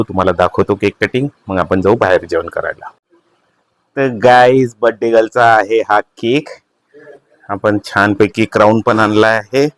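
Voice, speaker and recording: A man's voice: on the low side, no echo. A man with a Marathi accent hosting a casual family vlog, chatty, coaxing and playful. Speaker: vlog host.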